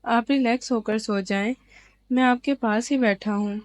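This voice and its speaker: A woman reading as a gentle young husband. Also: fairly high pitch, fairly even intonation, dry recording, close to an everyday voice. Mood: soothing. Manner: soothing, gentle.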